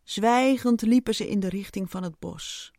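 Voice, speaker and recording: A woman's voice: medium pitch, moderate pace, warm tone, no echo, clean studio sound. A woman narrating a children's story, reading expressively and unhurriedly.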